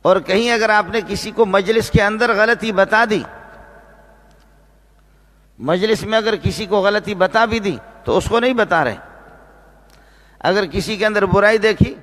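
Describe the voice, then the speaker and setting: Man giving a sermon in a high register, slows and repeats for emphasis; big echoing hall. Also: a bit bright. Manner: repetitive, slows down to stress key phrases. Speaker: Islamic preacher and teacher. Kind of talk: religious sermon. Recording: long reverb of a large hall.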